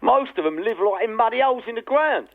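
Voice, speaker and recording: A man's voice: very high-pitched, animated, fast talker. An actor playing a crude, blunt male caller to a radio phone-in show, talking over a phone line. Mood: ranting. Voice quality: blunt, coarse ranting.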